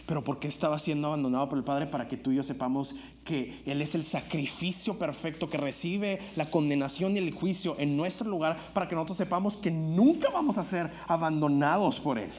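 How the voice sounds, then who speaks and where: A man's voice: on the high side, brisk, few pauses, a little mellow. A man preaching an earnest sermon in a church, climbing to emphatic peaks and stumbling over restarts and filler words.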